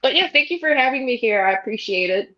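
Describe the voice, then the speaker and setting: A woman, a cosplayer guest, chatting casually with many fillers over a low-quality home mic. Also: animated, quick pace, highs cut off. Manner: chatty, lots of "like, you know" fillers. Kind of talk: casual group chat.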